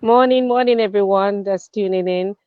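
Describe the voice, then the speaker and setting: A woman's voice: mid-range voice, normal speed, smooth, no room sound. A woman from Jamaica, a nurse, introducing herself cheerfully on an online panel. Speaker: panel guest. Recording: dry, phone-like line.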